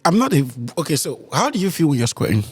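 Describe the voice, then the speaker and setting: A man's voice: on the high side, very animated, quick pace, slightly rough, no room sound. A man in his thirties hosting a podcast in casual, joking chat, laughing often. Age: 30s. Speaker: podcast host.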